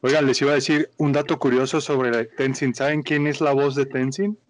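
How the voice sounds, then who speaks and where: A man's voice: mid-range voice, steady tone, normal speed. A man with a Mexican Spanish accent, co-hosting a casual chat and sharing trivia. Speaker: podcast co-host.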